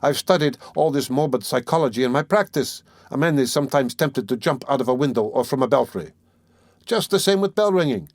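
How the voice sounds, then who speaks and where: A man's voice: mid-range voice, animated, fairly quick, no room sound. A man voicing a sly, genial middle-aged examining lawyer who talks in a fussy, teasing way, in an audiobook reading. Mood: sly, chatty.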